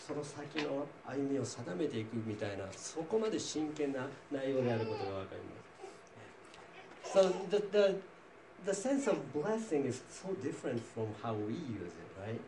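A man's voice: fairly high pitch, distant mic. A man reading scripture aloud and dropping wry casual comments between passages. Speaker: bible teacher. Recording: roomy, voice from off-mic, faint noise.

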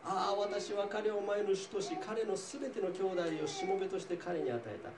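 A man's voice: high-pitched, a little fast, darkish tone, recorded from a distance, voice pushed up. A man reading the lines of an old blind father who is doubtful and later shaken. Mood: solemn. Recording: roomy, voice from off-mic, faint noise.

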